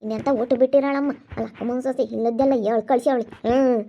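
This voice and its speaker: A woman playing a quarrelsome, sharp-tongued village woman in an amateur skit. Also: on the high side, fairly even intonation. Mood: scolding. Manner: scolding, rapid back-and-forth bickering. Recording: dull lo-fi audio.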